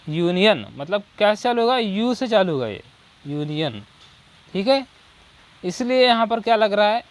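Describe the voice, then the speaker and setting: High-voiced grammar teacher. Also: male voice. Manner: drills with repeated rhetorical questions and "ठीक है"; reads English example sentences slowly. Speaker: coaching teacher. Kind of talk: Hindi grammar lesson on English articles.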